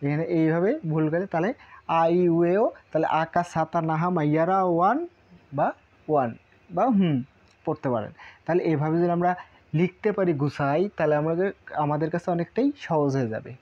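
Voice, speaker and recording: A man's voice: a little high, fairly even intonation, brisk, dull audio. A man teaching a casual Japanese lesson, repeating syllables in lists and asking rhetorical questions. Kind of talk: casual spoken lesson at a whiteboard.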